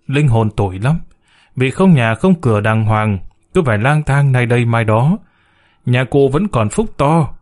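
Man narrating a wry story. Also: medium pitch.

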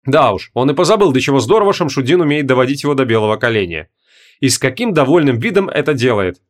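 A man narrating a fantasy audiobook in an expressive, animated reading. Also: mid-range voice, fast. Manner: animated, voices characters.

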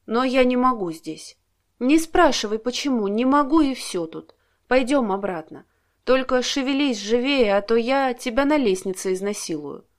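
A woman's voice: a little high, expressive, normal speed, natural voice. Woman doing a tearful clingy young woman. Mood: coaxing. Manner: pleading, emotional, raised voice.

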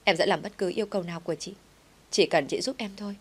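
A desperate young wife pleading over and over, her low voice urgent. A woman reads the part in a spoken story. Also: fast, breathy edge.

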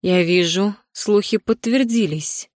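A woman voicing a haughty, scheming aging stepmother who sneers and turns shrill. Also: takes it slowly, darkish tone, no echo, clean studio sound, lightly acted. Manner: sneering, shrill when upset. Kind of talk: audiobook character voicing.

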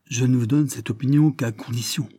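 A man voicing a precise, resentful older lawyer giving a measured legal opinion in an audiobook. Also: medium pitch, fairly even intonation, dark tone, breathy edge, dry recording, pitched above the performer's own voice, close to an everyday voice.

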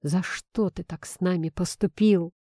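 A woman's voice: lowish voice, steady tone, measured pace, mellow, no echo, clean studio sound. A woman voicing an angry young man who talks in a tense, bitter, hissing way. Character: angry young man confronting his father.

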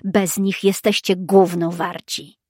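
A woman's voice: fairly low pitch, level tone, slow pace, mellow, dry recording, studio quality. A woman voicing a hostile, threatening male hired assassin in a harsh, snapping manner.

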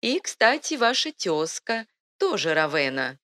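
A woman's voice: fairly low pitch, very animated, measured pace, sharp tone, pitched above the performer's own voice, full character voice. A woman voicing a sly, condescending male court advisor in an audiobook. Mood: smug. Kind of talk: audiobook reading.

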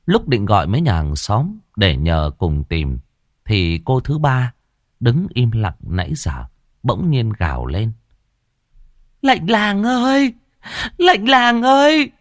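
Guy reading a ghost story, low voice that swings way up and down, dry close sound. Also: measured pace, no echo. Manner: expressive, rises and falls dramatically.

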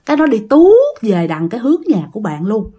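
A woman's voice: on the high side, huge pitch swings, fairly quick, mellow. A woman with a Southern Vietnamese accent telling a ghost story, chatting directly to her listeners.

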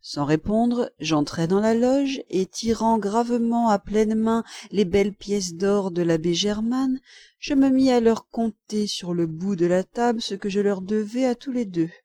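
A woman reading a classic novel aloud as an audiobook narrator, in a measured, expressive storytelling manner. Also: medium pitch, dry recording. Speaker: audiobook reader. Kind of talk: scripted literary narration.

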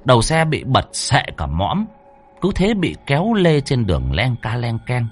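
A man narrating a comic story in a lively, expressive way. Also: mid-range voice, unhurried, a little hiss or hum.

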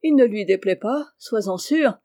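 A woman's voice: medium pitch, measured pace, dark tone, natural voice. A woman doing a doting old lord. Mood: moved. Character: old lord, soft-hearted and doting father.

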